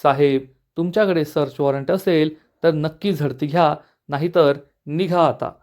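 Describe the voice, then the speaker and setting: A man's voice: on the high side, steady tone, moderate pace, a little mellow, lightly acted. A man voicing a confident, defiant middle-aged father standing up to police. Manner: confident, curt.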